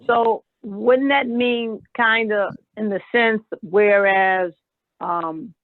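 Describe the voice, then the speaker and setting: Middle-aged woman panelist on a tinny call line, earnest and halting. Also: medium pitch, fairly even intonation, dry recording. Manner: earnest, halting, searching for words. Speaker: panel guest. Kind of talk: online panel discussion. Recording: tinny phone-line audio.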